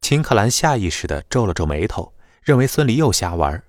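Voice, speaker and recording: A man narrating a web novel audiobook in a lively, dramatic storytelling manner. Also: on the low side, brisk, no echo, clean studio sound.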